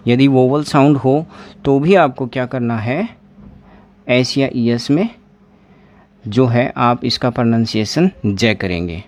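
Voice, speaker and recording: Slow, patient male teacher. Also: medium pitch, a little mellow, no echo. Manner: slow, repeats words and asks the class questions. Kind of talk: exam-prep English pronunciation lesson.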